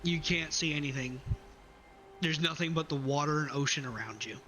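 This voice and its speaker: A man narrating as game master of a tabletop game, calm and descriptive. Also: fairly high pitch, moderate pace, low-quality recording.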